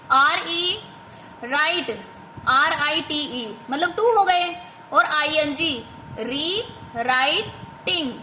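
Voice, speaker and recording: An Indian woman teacher going through a textbook exercise, reading English lines slowly, then explaining quickly and coaxingly to a child. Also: very high-pitched, bright, forceful tone, a little hiss or hum. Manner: mixes Hindi and English, slow when reading English aloud, quick when explaining; addresses the listener as a child, coaxing.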